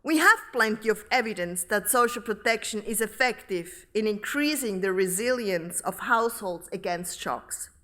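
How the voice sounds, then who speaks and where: Bright-voiced woman giving a formal speech. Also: medium pitch, expressive. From Switzerland. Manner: measured, deliberate reading from notes. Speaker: professor giving inaugural lecture. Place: large hall. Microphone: podium microphone.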